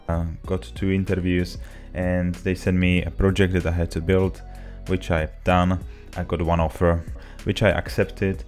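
A young man with a Czech accent talks to camera from a small home office, telling a relaxed story in slightly broken English. His voice sits low, and he speaks into a desk mic on a boom arm. Faint music plays underneath. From Czech Republic. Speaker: vlogger. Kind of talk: casual talk to camera.

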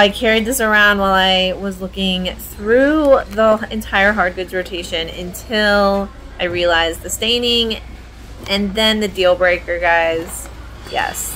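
A thrift reseller vlogger in her thirties chats informally with her viewers, calling them "guys." Her mid-range voice is a bit bright, and the rough recording carries clear background noise and warehouse ambience.

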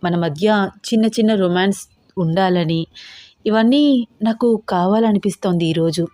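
A woman's voice: medium pitch, unhurried, mellow, dry recording, natural voice. Brief: young newlywed wife in her twenties, pleading, coaxing, a little pouty, dry close sound, voiced by a woman. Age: 20s.

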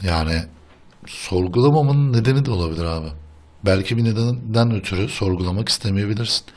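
A man's voice: lowish voice, quick pace, a little mellow. A young man hosting a casual gameplay session, chatting, laughing often and arguing playfully with his friend. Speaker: gaming channel host.

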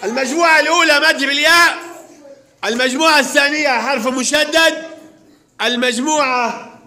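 High-voiced man running a class. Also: sharp tone. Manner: brisk commanding calls to pupils. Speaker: primary school teacher. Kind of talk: classroom instruction. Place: large classroom. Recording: noisy classroom with clicks.

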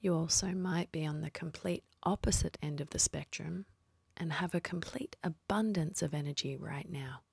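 In a low-sitting voice that's soft, breathy and husky, a woman leads a guided meditation. She speaks slowly and calmingly, leaving long pauses, with no echo.

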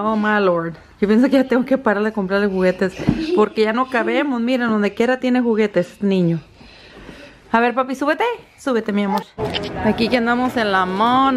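A woman's voice: fairly high pitch, noisy background. Chatty woman vlogging. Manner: chatty, switching between Spanish and English. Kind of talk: casual family vlog. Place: home kitchen and restaurants.

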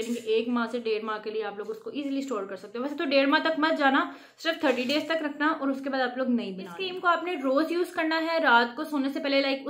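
A high, fairly bright female voice belongs to a beauty vlogger giving an informal how-to on skincare at home. She's talkative and instructive, and she often pauses to ask her viewers "theek hai."

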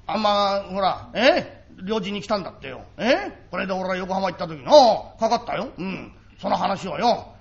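A man voicing a rough-spoken father who grumbles and gets tricked by his son, in a live comic storytelling performance. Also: sits high, exaggerated voice. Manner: blunt, rough-spoken, exasperated. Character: gruff, easily fooled working-class father. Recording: dull live recording with audience laughter.

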